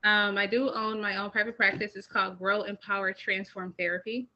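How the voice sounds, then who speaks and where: A woman's voice: mid-range voice, little pitch movement, fairly quick, bright, forceful tone, slight background noise. A woman from Buffalo, a mental health counselor, speaking as a confident, playful guest over a video call. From Buffalo, New York. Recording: dull lo-fi call audio.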